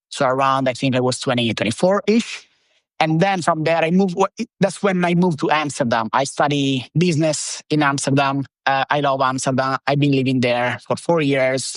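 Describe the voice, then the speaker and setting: Medium in pitch and recorded without echo, this man's voice belongs to an Italian-accented podcast guest from Italy in his thirties. The interview chat is casual, with his speech wandering loosely and packed with fillers.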